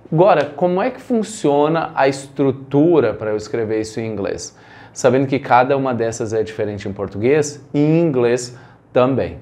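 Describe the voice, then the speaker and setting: A man's voice: mid-range voice, darkish tone. A man from Brazil teaching an English grammar lesson, explaining step by step and asking rhetorical questions.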